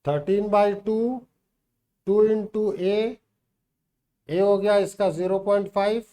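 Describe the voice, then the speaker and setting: A man's voice: sits high, steady tone, takes it slowly, dark tone. A man teaching a math class, coaxing and teasing students by name to check they understand. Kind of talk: classroom teaching, mixing Hindi and English. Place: classroom with online students joining.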